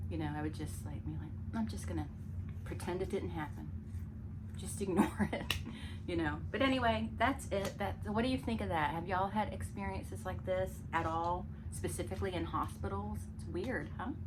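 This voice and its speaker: A woman's voice: fairly low pitch, noisy background. A woman casually telling personal spooky stories in a chatty, conversational way, acting out what people said. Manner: conversational, acts out quoted remarks. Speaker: storyteller sharing personal experiences.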